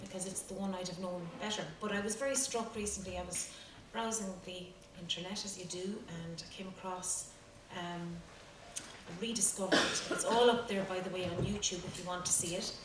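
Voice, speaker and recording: A woman with a west of Ireland accent, informally introducing a song to a live audience in a hesitant, halting, self-deprecating way. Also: lowish voice, fairly even intonation. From Galway, west of Ireland. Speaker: folk singer introducing songs. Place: roomy indoor venue with audience. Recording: echoey room, distant mic, loud noise.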